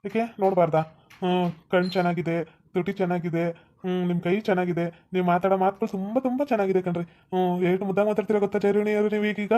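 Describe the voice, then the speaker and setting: A tender young husband in a cartoon, gentle and coaxing as he declares his love, voiced by a man. He speaks quickly in a flat, even tone with a North Karnataka Kannada accent. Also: high-pitched, lo-fi sound, natural voice. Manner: soft, affectionate, coaxing. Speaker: husband character. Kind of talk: cartoon voice acting.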